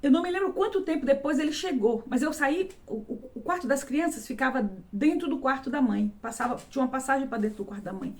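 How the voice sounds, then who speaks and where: An adult Brazilian woman giving a personal testimony, halting and emotional, often repeating words. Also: high-pitched, expressive. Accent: Brazilian Portuguese. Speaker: vlogger.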